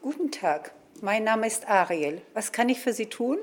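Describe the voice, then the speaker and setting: An actress playing a brisk, officious call-centre receptionist with a formal customer service manner, in a comedy sketch. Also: female voice, on the high side, expressive. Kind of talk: scripted comedy sketch, phone hotline.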